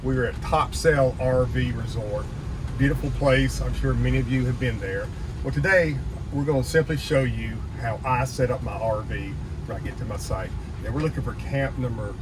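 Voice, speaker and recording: A middle-aged man presenting his RV vlog like an upbeat travel show host. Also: mid-range voice. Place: in a motor home cab and outdoors at a campsite. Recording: clear outdoor and vehicle noise.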